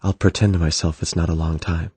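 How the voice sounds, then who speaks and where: A man voicing a gentle, thoughtful young prince in an audiobook, soft-spoken and reflective. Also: deep voice, level tone, fairly quick, breathy edge, no room sound. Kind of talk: audiobook character voice.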